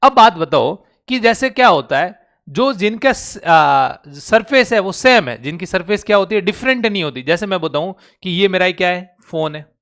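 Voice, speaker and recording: Animated and high-pitched, at a moderate pace and a bit bright, a man lectures on chemistry in a recorded online class. He speaks Hindi with a Rajasthani accent and keeps testing students through call-and-response questions.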